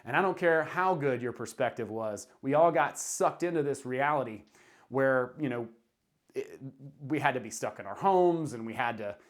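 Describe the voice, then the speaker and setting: Southern guy with a drawl, chatty explainer video, informal, medium pitch, stresses his main points. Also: expressive, normal speed. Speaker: self-help video creator. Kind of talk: casual explanatory talk to camera.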